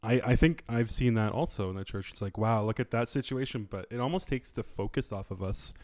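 Low-voiced man sharing earnest anecdotes. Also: animated, a little fast, a little mellow, no echo, clean studio sound. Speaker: podcast co-host. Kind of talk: casual faith discussion.

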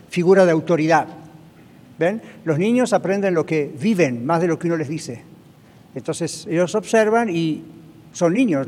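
Male pastor, high voice, emphatic sermon delivery, reverberant hall. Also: a little mellow. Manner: emphatic, asks the congregation "¿ok?" and "¿ven?" often. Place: church hall, also broadcast on radio.

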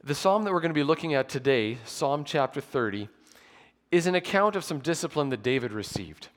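A man's voice: a little high, expressive. Man preaching at a pulpit microphone. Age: 40s. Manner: measured, explanatory preaching with occasional dry humour. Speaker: pastor. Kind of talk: sermon. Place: church sanctuary with pews. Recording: long church hall reverb.

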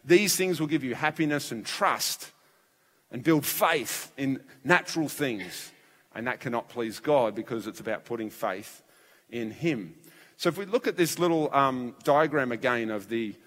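A man's voice: medium pitch, a bit bright. A man preaching a sermon as pastor in a church, his voice strained and fragile, telling the story vividly and acting out voices. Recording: long church hall reverb.

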